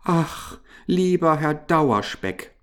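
A man's voice: a little high, expressive, extremely slow, a bit bright, voice pushed up, full character voice. A man doing a whining little field mouse. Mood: pleading. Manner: whining, pleading, sighing. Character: clever little female field mouse, plaintive and sly.

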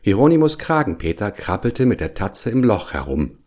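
A man narrating a children's storybook in an unhurried, expressive way. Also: on the low side.

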